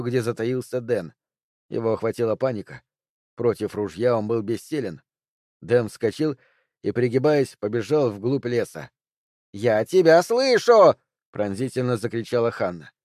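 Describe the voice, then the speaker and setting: A man reading a thriller audiobook aloud with steady, tense storytelling. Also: medium pitch, no echo, clean studio sound. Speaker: audiobook narrator. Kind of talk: scripted thriller narration.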